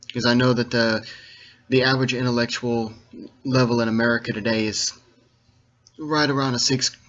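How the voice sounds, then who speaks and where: Dull lo-fi recording of a man lecturing deliberately. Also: mid-range voice, steady tone, fairly bright tone. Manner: didactic, checks that listeners follow. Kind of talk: informal monologue to viewers, lecturing. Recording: dull, lo-fi sound.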